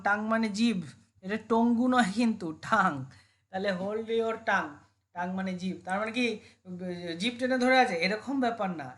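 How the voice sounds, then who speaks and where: Bengali-accented woman, exam-prep tutor, slow, deliberate English readings, asks and answers her own questions. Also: medium pitch, fairly bright tone. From India. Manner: explains slowly, reads English examples deliberately. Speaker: English teacher. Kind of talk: exam-prep idiom lesson.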